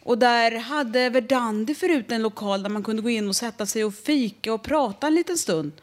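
Deadpan woman doing stand-up. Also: fairly high pitch. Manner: deadpan, conversational, addresses the audience. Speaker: stand-up comedian. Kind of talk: stand-up comedy.

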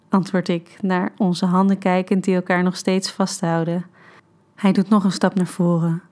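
Woman narrating in a low, flat voice. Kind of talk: scripted first-person erotic story narration.

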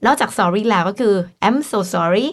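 A woman's voice: medium pitch, measured pace. A woman co-hosting a radio English lesson from a studio, eagerly explaining and translating each phrase for listeners. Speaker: radio co-host.

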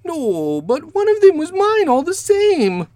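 A man's voice: very high-pitched, wildly swooping pitch, measured pace, mellow, voice pushed up, exaggerated voice. A man voicing a timid, cringing little rat-faced fellow who whines and pleads. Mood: pleading. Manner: whining, timid.

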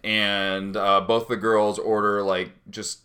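A man's voice: fairly low pitch, level tone, takes it slowly, pushed and bright. A man in casual podcast chat, telling a rambling anecdote with many restarts.

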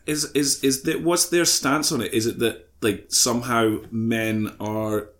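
A man as a podcast guest, chatting casually in a halting, tentative way. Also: mid-range voice, steady tone, a bit bright. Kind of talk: casual chat.

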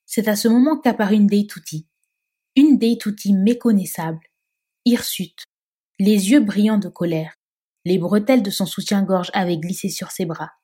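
Woman reading a novel aloud, husky, measured storytelling. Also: medium pitch, dark tone. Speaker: narrator. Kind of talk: scripted narration of a novel.

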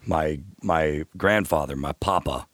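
A man's voice: very deep voice, unhurried, a bit bright. A man from California hosting a casual interview, talking in a loose, joking and profane way. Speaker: podcast host.

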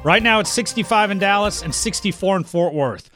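American guy doing a radio traffic report and news, bright forceful voice, faint music under him. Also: high-pitched, fairly quick.

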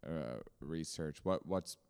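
A man's voice: rumbling low, darkish tone, smooth. A man in casual podcast chat, asking questions and trailing off while thinking. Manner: inquisitive, halting when unsure.

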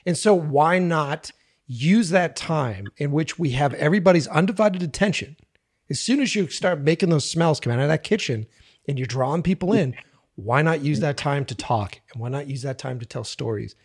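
A man's voice: on the high side, lively intonation, moderate pace, slightly rough. A man hosting a casual conversation in an enthusiastic, slangy way, swearing freely. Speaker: podcast host. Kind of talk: casual chat.

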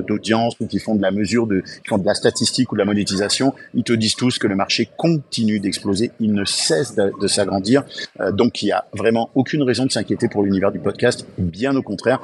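A man with a lowish voice joins a remote podcast interview as an eager guest, chatting casually in bursts and often restarting his sentences. There's a little hiss or hum on the recording.

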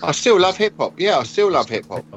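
A man in his forties talks in a loose, animated way, swearing casually as he tells stories. It is a relaxed podcast chat. The audio is somewhat dull and lo-fi. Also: on the high side, a little fast, a little hiss or hum. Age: 40s. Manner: animated storytelling, swears freely. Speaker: podcast guest, graffiti artist.

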